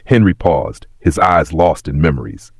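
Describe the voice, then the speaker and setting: A man reads a scripted story as its narrator. His voice is deep and husky, with very lively intonation, recorded close and dry. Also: moderate pace, no echo.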